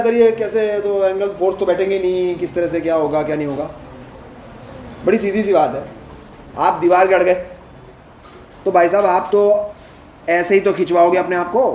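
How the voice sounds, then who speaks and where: A man's voice: sits high, a little mellow, echoey room, a little hiss or hum, low-quality recording. A male physics teacher lecturing at a board, asking the class questions as he works through each step and mixing Hindi with English terms.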